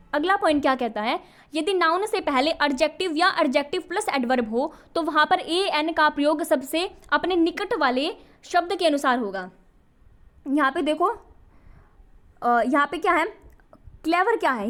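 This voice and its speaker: A woman's voice: high-pitched, moderate pace, a bit bright. A woman runs a coaching lesson on grammar. She keeps asking her students questions and answering them herself, going back over each key point. She sounds like a patient, drilling teacher.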